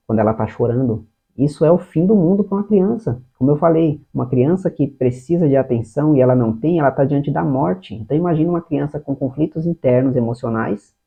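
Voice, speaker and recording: Husky Brazilian man on a tinny line. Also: medium pitch. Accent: Brazilian Portuguese. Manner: earnest, addresses the viewer directly, acts out short quoted lines. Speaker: parenting educator. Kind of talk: explanatory talk to camera. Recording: tinny phone-like sound.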